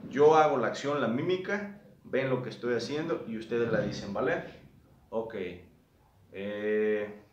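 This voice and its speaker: A man teaching English to children, repeating words slowly and patiently in a classroom-lesson style. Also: mid-range voice, animated, highs cut off, a little hiss or hum. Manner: slow, repetitive drilling of words. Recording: roomy, distant from the mic.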